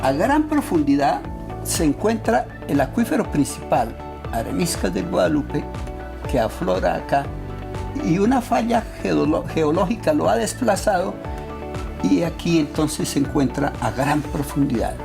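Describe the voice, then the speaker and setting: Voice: medium pitch, very animated, moderate pace, gravelly. An expert explaining technical matters in a teacherly way, posing questions and checking understanding. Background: music.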